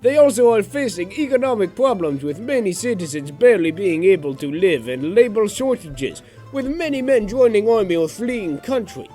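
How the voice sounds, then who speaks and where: A teenage boy playing a mock-serious Russian man who delivers his report in blunt, clipped phrases with no articles. His voice sits high and swings widely in pitch, with faint music playing behind him. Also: big pitch swings, moderate pace, hardly any pauses, mellow. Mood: deadpan mock-serious. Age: teens. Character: comically stern Russian man presenting politics. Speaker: student presenting a school project. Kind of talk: satirical class presentation.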